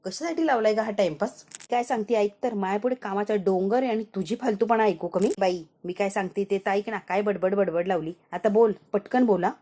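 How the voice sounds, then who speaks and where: A woman's voice: medium pitch, a little fast, hardly any pauses, warm tone, natural voice. A woman voicing an impatient, scheming young woman who scolds and rambles. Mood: irritated.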